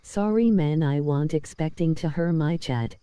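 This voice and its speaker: A friend on voice chat speaking through a robotic voice changer in short flat remarks. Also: medium pitch, unhurried, clear, resonant tone. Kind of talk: casual chat over a game.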